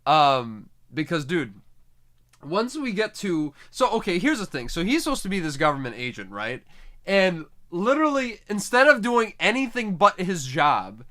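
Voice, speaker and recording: A man's voice: high-pitched, big pitch swings, moderate pace, pushed and bright. A young man hosting a casual movie review, talking loosely with slang and laughing often. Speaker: host of a movie review channel.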